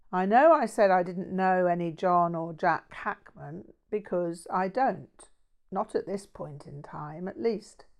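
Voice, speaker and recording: Woman playing a gentle wordy scholar guy in an audiobook, unhurried, bookish, careful. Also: on the low side, vocal fry, exaggerated voice. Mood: wry, careful. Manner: measured, precise, bookish. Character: mild, erudite Buddhist man, earnest and wordy.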